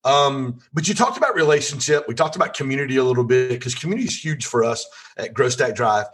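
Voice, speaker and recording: Husky-voiced male podcast host. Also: mid-range voice, expressive, fast. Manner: scripted inspirational intro, then conversational. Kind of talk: podcast interview.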